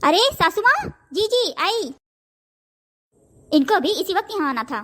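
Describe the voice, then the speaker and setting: A woman's voice: very high voice, very animated, a little slow, fairly bright tone, full character voice. A woman voicing a nervous, flustered middle-aged mother-in-law in a cartoon. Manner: nervous, deferential to elder, bossy to younger. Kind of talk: cartoon voice acting.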